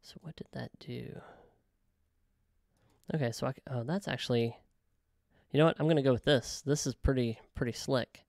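A man casually talking through a software tutorial, thinking aloud with frequent ums and self-corrections. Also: mid-range voice, moderate pace, vocal fry, pauses often, dry recording, studio quality. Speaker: web developer tutorial host. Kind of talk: casual screen-recorded software walkthrough.

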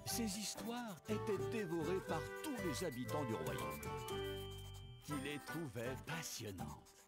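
A game narrator telling a fairy tale in a gentle storybook manner. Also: medium pitch, animated, slow pace. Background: loud game music.

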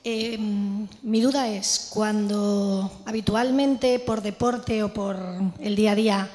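A woman's voice: medium pitch, steady tone, slow, darkish tone. A woman in the audience politely asking a question, speaking hesitantly and measuredly. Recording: long hall reverb, voice heard from a distance.

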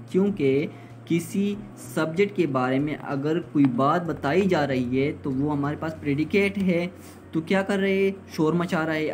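Speaking in a slightly high voice over a faint hiss or hum, a man teaches a grammar lesson. He repeats his points, asks questions and answers them himself, and translates examples as he explains.

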